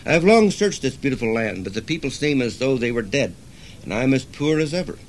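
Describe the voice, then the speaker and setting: A man's voice: medium pitch, very animated, a little fast, a little hiss or hum, low-quality recording. An older man reading the part of an earnest young man seeking wisdom, in a questioning, sincere way.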